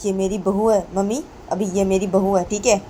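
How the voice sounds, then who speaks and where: A woman voicing a middle-aged father who firmly orders his family to be quiet. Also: mid-range voice, flat delivery, normal speed, slight background noise, natural voice. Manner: firm, commanding, repeats "theek hai". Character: stern middle-aged father defending daughter-in-law.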